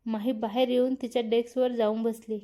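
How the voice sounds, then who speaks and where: Storyteller: woman, higher mellow voice, steady scripted narration of a romance. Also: a little fast. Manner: reads every part herself, naming each speaker after their line.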